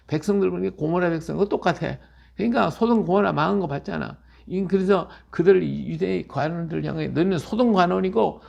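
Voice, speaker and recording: Gravelly Korean pastor preaching emphatically. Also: male voice, fairly high pitch, a little mellow. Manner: rebuking, emphatic, repeats words and asks "예?". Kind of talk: sermon, Bible exposition.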